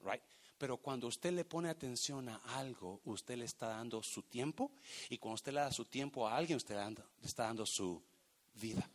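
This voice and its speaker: A man pastor preaching a sermon in an animated way, swinging from loud exhortation down to near-whispers. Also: medium pitch, moderate pace.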